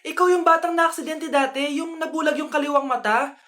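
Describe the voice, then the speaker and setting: A woman playing a gentle hospital doctor in a comedy skit. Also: high voice, steady tone, a little fast. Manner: gentle, explaining. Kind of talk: comedy skit role-play.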